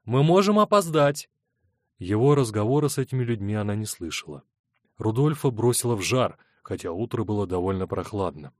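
A man narrating an audiobook in a steady, measured reading. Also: lowish voice, no echo, studio quality. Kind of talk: scripted narration.

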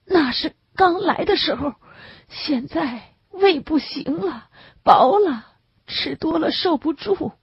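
A woman's voice: high-pitched, animated, no room sound, voice pushed up, full character voice. A woman voicing a sick middle-aged male camp inmate who wails and chokes on tears as he speaks. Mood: sobbing. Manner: wailing, choked with tears, drawn-out. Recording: dull lo-fi recording.

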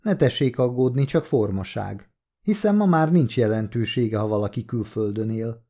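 A man reading the lines of a courteous male police detective who asks gentle, persistent questions, in an audiobook. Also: mid-range voice, expressive.

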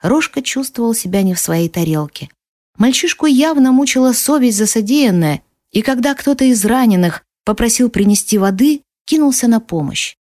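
A woman narrating a first-person audiobook in an expressive, sometimes hushed manner. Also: on the high side, moderate pace, no room sound, studio quality.

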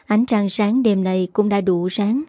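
A woman narrating a romance story in a calm, steady reading voice. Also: medium pitch, unhurried, no room sound, studio quality. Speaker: story reader.

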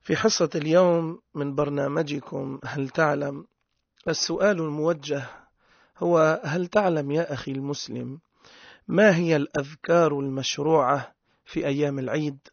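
A man's voice: a little high, steady tone, moderate pace, creaky, no room sound. A Tunisian man teaching a religious lesson in an emphatic way, mixing dialect with formal speech and drawing out words to show mistakes. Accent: Tunisian Arabic. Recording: dull lo-fi dry recording.

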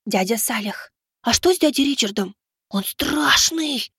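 Man doing little girl, childish, squeaky, breathy, lively. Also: measured pace, no echo, clean studio sound, exaggerated voice. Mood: whispering. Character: cheerful little girl with dark powers. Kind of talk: audiobook character voice.

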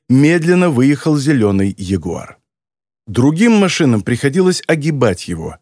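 Expressive male audiobook narrator. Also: medium pitch, no echo, clean studio sound. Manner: expressive storytelling. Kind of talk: scripted narration.

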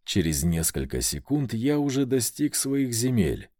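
Male audiobook reader, lively and expressive, dry close mic. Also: medium pitch, measured pace, dry recording. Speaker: audiobook narrator. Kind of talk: scripted first-person narration.

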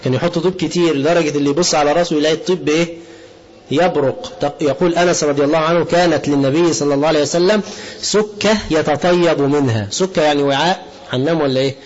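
A man's voice: fairly high pitch, steady tone, fast. A man with an Egyptian Arabic accent giving a colloquial religious lesson, often asking the audience a question and answering it himself. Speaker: preacher. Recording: dull lo-fi lecture recording.

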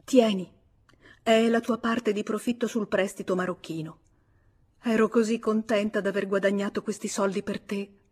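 A woman reading an audiobook voices a tearful, lovesick older woman with a husky voice, speaking softly and pleadingly. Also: fairly even intonation, moderate pace, lightly acted. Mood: tender. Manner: soft and pleading, higher and louder than the narration.

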